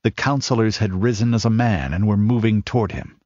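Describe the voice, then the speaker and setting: A man reading a dark fantasy tale as audiobook narrator, measured and dramatic, rising as the battle scenes build. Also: lowish voice, no echo. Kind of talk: scripted narration. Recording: dull lo-fi audiobook recording.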